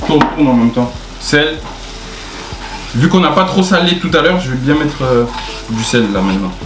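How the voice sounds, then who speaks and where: A man's voice: medium pitch, moderate pace. A man in his twenties chatting casually and giving cooking instructions to camera as co-host of a home video. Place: small tiled home kitchen, indoors. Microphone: camera at about arm's length or further. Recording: echoey kitchen, music and frying behind.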